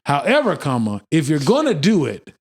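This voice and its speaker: A man's voice: on the high side, huge pitch swings, normal speed, breathy edge. A man co-hosting a podcast in casual chat, blunt, joking and often profane. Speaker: podcast co-host.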